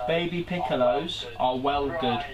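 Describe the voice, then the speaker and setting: A man's voice: medium pitch, measured pace, a crowd in the background. A young British man chatting through a guessing game, asking friends what they heard. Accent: British English. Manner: chatty, confused questioning. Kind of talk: party game banter.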